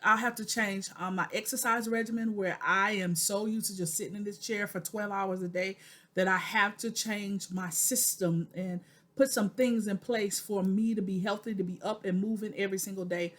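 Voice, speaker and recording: A woman's voice: mid-range voice, fairly even intonation, moderate pace. A woman in her forties recording a personal video diary, talking to viewers in an earnest, preacherly way and repeating phrases for emphasis. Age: 40s. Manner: addresses viewers directly as "y'all". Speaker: vlogger.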